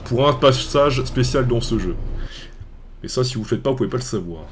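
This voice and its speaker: A man's voice: mid-range voice, lively intonation, fairly quick, a little hiss or hum. A young man hosting a let's play, casual and rambling, often stumbling and restarting as he talks over gameplay. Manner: rambling, hesitant, restarts and fillers. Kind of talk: casual game commentary.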